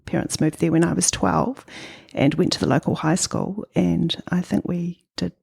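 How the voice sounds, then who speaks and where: A woman's voice: on the low side, fairly even intonation, moderate pace, creaky, darkish tone, breathy edge. A middle-aged woman from New Zealand with a New Zealand accent, answering interview questions in a thoughtful, hesitant way. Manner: thoughtful, hesitant, many ums. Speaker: guest artist.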